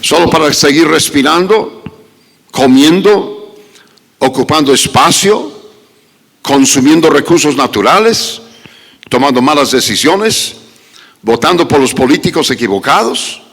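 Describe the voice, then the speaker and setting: A man, a pastor, preaching an animated, humorous sermon full of rhetorical questions and joking asides in a church. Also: fairly high pitch, unhurried, gravelly, long pauses. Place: church sanctuary at a conference. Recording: long reverb of a large church hall.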